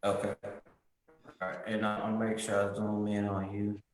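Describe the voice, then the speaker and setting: A man's voice: on the low side, monotone, a little slow. A man calling in as a guest over a buzzy, glitchy call line that breaks up, talking in a hesitant way with lots of "uh" and "you know". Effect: buzzy glitchy call audio that breaks up. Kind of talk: casual call-in chat. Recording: very echoey remote call line.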